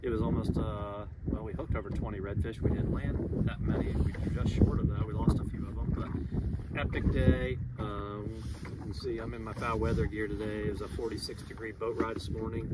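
Florida guide in his thirties, lowish voice, laid-back and chatty, loud wind noise over the boat recording. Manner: relaxed, chatty, upbeat, many "um"s. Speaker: fishing guide. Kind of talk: casual monthly fishing report to camera. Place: outdoors on a small boat on a lagoon. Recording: loud wind and water noise on outdoor mic.

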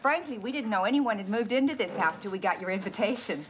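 An actress playing an effusive, gushing neighbor wife in a 1970s sitcom. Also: female voice, mid-range voice, lively intonation, fast, close to an everyday voice. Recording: hissy 1970s TV broadcast.

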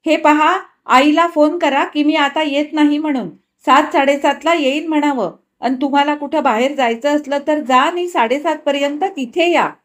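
Woman doing a fussy young wife, high voice, rattles off scolding in one breath. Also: natural voice. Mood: irritated. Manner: rapid scolding chatter. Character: fussy young wife, quick-tongued and stubborn.

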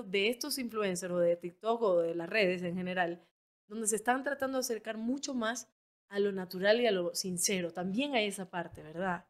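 A woman with an Ecuadorian Spanish accent hosting a casual interview, chatty and emphatic. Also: medium pitch. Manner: chatty, emphatic, frequent restarts. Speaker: podcast host.

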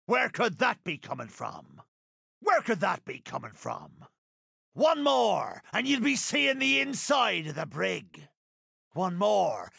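Captain Barbossa, gravelly swaggering pirate. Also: male voice, extremely high pitch, pushed and bright, no echo, studio quality, full character voice. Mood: menacing. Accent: pirate dialect. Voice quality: gravelly, raspy. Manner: theatrical, drawn-out, archaic pirate speech. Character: swaggering, vengeful male pirate captain, boastful and menacing. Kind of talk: video game character voice acting.

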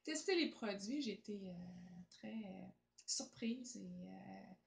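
A woman's voice: medium pitch, animated, slow pace, gravelly. A woman in her forties with a Quebec French accent, talking hesitantly with lots of fillers and restarts as she gives a casual testimonial to the camera. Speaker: sponsored athlete. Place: small room indoors, at a table. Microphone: camera in front, seated. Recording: echoey room.

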